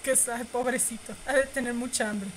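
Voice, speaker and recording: Expressive woman reading a game aloud. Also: fairly high pitch, normal speed, slight background noise, rough recording. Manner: expressive, squeals and laughs at romantic scenes. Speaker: streamer reading a visual novel aloud. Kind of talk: reading game text aloud with live reactions.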